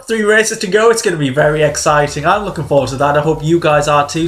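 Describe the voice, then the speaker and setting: A man narrating his racing game run, with a fairly high voice that leaps even higher whenever the action heats up. He talks in an eager, running commentary. Faint music plays behind him. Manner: excitable, rises sharply in pitch during tense moments. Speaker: gaming video creator. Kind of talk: let's-play racing commentary.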